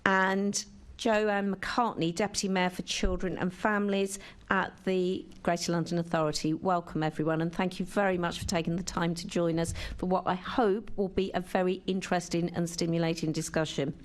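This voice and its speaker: A woman's voice: lowish voice, little pitch movement, moderate pace. A woman chairing a council committee meeting in a chamber, running formal procedure with occasional hesitant restarts.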